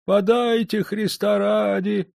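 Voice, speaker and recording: A man voicing a humble, blind old beggar who pleads in a drawn-out, plaintive way. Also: high-pitched, level tone, vocal fry, darkish tone, no echo, clean studio sound, pitched above the performer's own voice, heavily acted. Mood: pleading.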